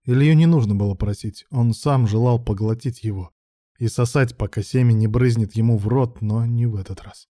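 A man narrating a story as an audiobook in a steady, even reading. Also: mid-range voice, moderate pace, no echo, clean studio sound.

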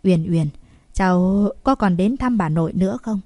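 A woman voicing a gentle, uneasy elderly grandmother who speaks softly in a storybook reading. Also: mid-range voice, normal speed, dry recording, clean studio sound, close to an everyday voice. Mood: tender. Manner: soft, tender.

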